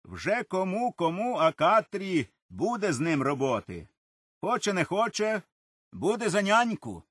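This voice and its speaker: A man voicing a cheerful peasant father who speaks loud and jubilant in a storybook reading. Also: on the high side, expressive, normal speed, dry recording, studio quality, pitched above the performer's own voice. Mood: hearty. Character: joyful peasant father, hearty.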